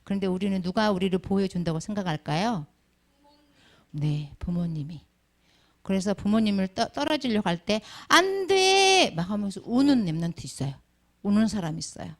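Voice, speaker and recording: A middle-aged woman leads a Sunday school lesson as a children's sermon, calling on kids by name and putting many questions to the class. Her medium-pitched voice is creaky and dark in tone, and she talks a little fast.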